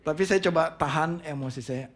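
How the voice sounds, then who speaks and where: A middle-aged man preaching a sermon, telling a personal story in an animated way and mixing in English phrases. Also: fairly high pitch, a little fast, background noise. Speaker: pastor.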